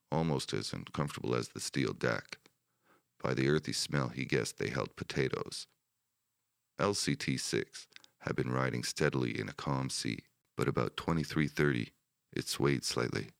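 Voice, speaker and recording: A man narrating a wartime history audiobook in a steady, measured manner. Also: extremely low pitch, vocal fry, dry recording, studio quality.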